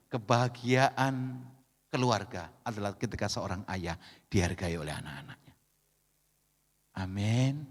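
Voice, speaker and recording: A man in his fifties with a Javanese accent, preaching a sermon in an animated, joking way, swinging between loud calls and quiet asides. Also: medium pitch. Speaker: pastor. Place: large church hall. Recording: echoey church hall with long reverb.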